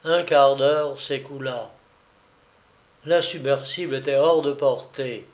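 A man reading an adventure novel aloud as narrator, in a slow, measured way. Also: mid-range voice, fairly even intonation.

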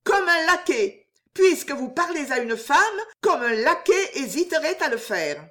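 A woman's voice: high-pitched, expressive, a little slow, voice pushed up. A woman voicing a desperate, proud young noblewoman in a storybook reading, pleading and indignant. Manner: pleading, then fiercely indignant. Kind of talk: audiobook character reading.

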